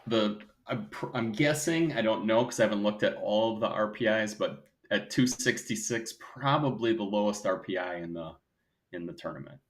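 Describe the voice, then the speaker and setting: A man with a Wisconsin accent hosts a relaxed sports podcast. His voice is very low. He talks through matchups conversationally, catches and fixes his own slips, and puts questions to his guest. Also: normal speed. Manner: conversational, self-correcting, asks questions. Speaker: podcast host. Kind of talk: casual podcast chat.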